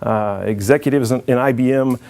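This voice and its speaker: A middle-aged man with a medium-pitched, slightly mellow voice speaks fairly quickly in an informal conference presentation. He's friendly and jokes with the audience, often restarting his sentences.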